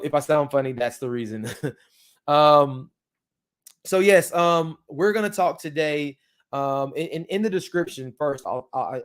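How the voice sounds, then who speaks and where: With a clear, resonant mid-range voice, a man runs a relaxed tutorial on his crypto channel. Dental aligners thicken his speech a bit, and he rambles, filling pauses with ums and you-knows.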